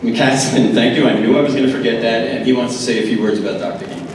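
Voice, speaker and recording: A man giving an informal, halting and heartfelt tribute speech at an induction ceremony. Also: medium pitch, steady tone. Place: large echoey event room, far from microphone. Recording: very echoey, distant, very noisy event recording.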